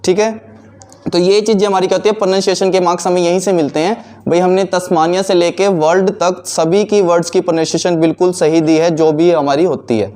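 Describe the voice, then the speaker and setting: Male instructor, high voice, quizzing himself as he explains to a class. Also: fairly even intonation, fairly quick, a little mellow. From India. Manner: explains by asking and answering his own questions. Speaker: teacher. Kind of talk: classroom teaching.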